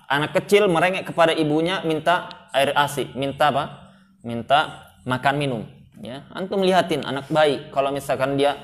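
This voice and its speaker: A male Islamic preacher giving a religious study lecture, reciting Arabic and explaining it, often saying "ya" and asking the audience questions. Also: fairly high pitch. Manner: frequent affirming "ya", quotes Arabic then explains.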